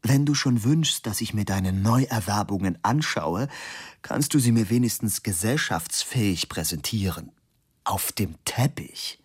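Ein Mann, der in einer Hörbuchlesung einen verschlafenen, höflich vorwurfsvollen Rechtsanwalt spricht. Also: male voice, fairly low pitch, lively intonation, normal speed, breathy edge. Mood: weary polite. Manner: yawning, courteous, reproachful. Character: sleepy, polite, reproachful male lawyer.

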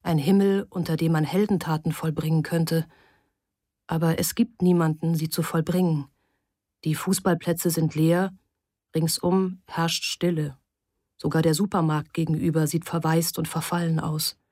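A woman narrating a story in a calm, even, measured scripted reading. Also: low voice, no room sound, clean studio sound. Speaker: audiobook narrator.

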